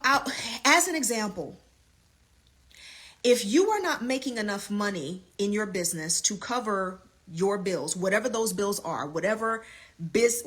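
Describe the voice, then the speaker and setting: A business coach leads a live online lesson in a husky, mid-pitched voice. She speaks with emphasis and drives her points home by repeating them.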